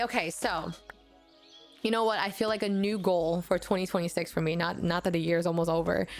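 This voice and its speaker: A young woman streaming a game, chatting casually with viewers, giggling often and restarting her words, and English is not her first language. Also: lowish voice. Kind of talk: casual gaming stream chat.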